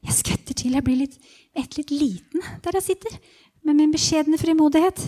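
A woman voicing a blind male beggar who longs to be healed, in a hushed first-person inner monologue that often drops to a whisper, as part of a guided Bible meditation. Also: high-pitched, voice pushed up, natural voice. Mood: hopeful.

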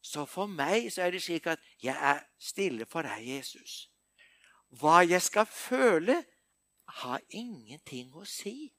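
Older guy preaching, high voice, dry close sound, goes from hushed to emphatic. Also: very animated, dry recording. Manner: intimate, swings from hushed to emphatic. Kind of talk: sermon.

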